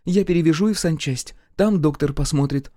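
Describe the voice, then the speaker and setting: A man's voice: on the high side, fairly quick, dark tone, no room sound, studio quality, voice pushed up, natural voice. A timid teen nurse girl, as a man puts her on. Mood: anxious. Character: frightened teenage girl nurse, eager and tender.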